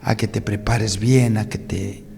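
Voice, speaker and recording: A pastor, preaching a sermon in a lively way that speaks directly to his congregation with questions and jokes. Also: lowish voice, measured pace, gravelly, breathy edge, in a large hall. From Spain. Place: church hall.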